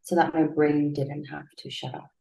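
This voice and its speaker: A woman's voice: level tone, normal speed, vocal fry, mellow. Echoey woman recounting an accident. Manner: many fillers, jumps high when quoting herself. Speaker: interview guest. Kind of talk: casual personal storytelling.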